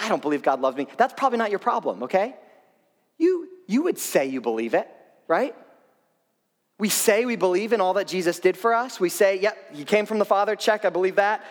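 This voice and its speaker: A man preaching a sermon as pastor, talking in a conversational, emphatic way that swings between loud, high bursts and quiet, low lines. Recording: long hall reverb.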